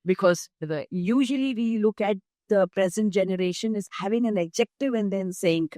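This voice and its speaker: An older woman with an Indian accent, speaking as a guest in an interview, measured and emphatic as she explains through lists of examples. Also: mid-range voice, dark tone, dry recording, clean studio sound. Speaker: guest, nonprofit founder. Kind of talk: interview conversation.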